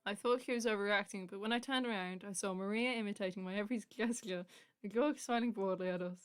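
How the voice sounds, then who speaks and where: A woman's voice: medium pitch, quick pace, clear, resonant tone, no echo, faint music behind. A woman hosting a let's-play, reading visual novel text aloud with a playful, giggly manner.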